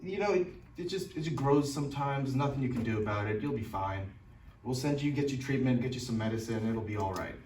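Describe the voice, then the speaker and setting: A man's voice: mid-range voice, expressive, fairly quick, a little mellow, close to an everyday voice. A man playing a dismissive doctor who delivers bad news bluntly and casually in a role-played consultation. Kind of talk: amateur role-play of a medical consultation. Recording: echoey room, distant mic, faint noise.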